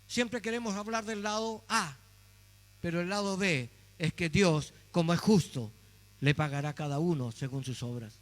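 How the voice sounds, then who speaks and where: High-voiced man preaching dramatically. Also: normal speed. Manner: dramatic preaching, swinging from soft to loud. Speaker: pastor. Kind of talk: sermon. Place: church hall. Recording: echoey hall with mains hum.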